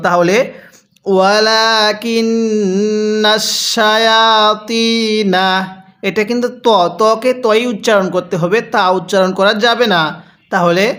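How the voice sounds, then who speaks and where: A male religious teacher giving a recorded lesson step by step. He keeps asking how to read a phrase, then chants it very slowly and drawn out before explaining. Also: sits high. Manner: asks himself how to read, then answers.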